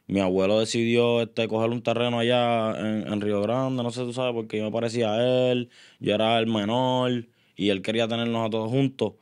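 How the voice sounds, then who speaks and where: A man's voice: mid-range voice, brisk, clean tone. A man in his twenties with a Puerto Rican accent, a guest chatting casually about his life with frequent fillers. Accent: Puerto Rican Spanish. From Puerto Rico. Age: 20s. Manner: relaxed, rambling, frequent fillers. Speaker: guest singer. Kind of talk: casual interview chat.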